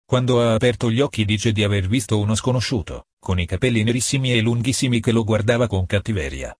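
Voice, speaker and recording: A man reading a novel aloud as narrator, in a steady, measured way. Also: fairly low pitch, husky, no room sound, clean studio sound. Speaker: audiobook narrator. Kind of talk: scripted narration.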